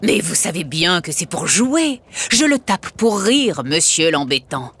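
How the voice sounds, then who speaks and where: A woman's voice: fairly low pitch, sing-song, unhurried, a bit bright, slightly rough, full character voice. A woman voicing a grumpy, bossy male puppet who blusters and threatens in a storybook reading. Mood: teasing.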